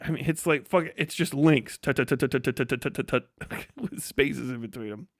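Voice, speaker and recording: Cursing constantly, a man rambles through a livestream update about his video work, sounding sardonic and fed up. He speaks at normal speed in a medium pitch, recorded with studio quality and no room sound.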